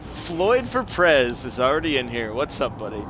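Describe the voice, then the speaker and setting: A man's voice: medium pitch, very animated, normal speed, noisy background. A man hosting a gaming podcast, chatting casually and laughing often while he plays. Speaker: podcast host. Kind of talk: casual chat while playing a video game. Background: game music.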